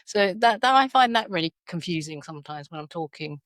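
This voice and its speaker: A middle-aged woman with a South London accent and a low voice talks through her story in an interview. She pauses often, and her thoughts come out in halting restarts and fillers. The sound is dry and close. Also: animated, fairly bright tone, no room sound. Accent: South London English. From South London, England. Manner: hesitant, lots of fillers and restarts. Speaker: podcast guest, educator. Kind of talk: reflective interview conversation.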